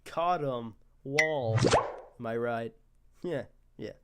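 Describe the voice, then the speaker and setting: A young man casually commenting on his own animations, rambling and excitable. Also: mid-range voice, slow pace, heavy background noise. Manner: rambling, excitable, self-praising.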